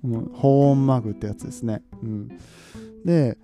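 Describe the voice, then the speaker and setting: A man from Nagoya, Japan, hosting his podcast in a relaxed, chatty way, often chuckling and asking listeners questions. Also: mid-range voice, moderate pace, soft background music. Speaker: podcast host. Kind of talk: casual solo chat.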